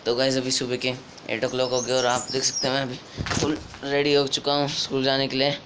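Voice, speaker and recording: Hoarse teenage boy vlogging slowly. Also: medium pitch, completely flat delivery, background noise. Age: teens. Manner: talks slowly and carefully on purpose. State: slightly hoarse from a cold. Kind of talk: casual daily vlog.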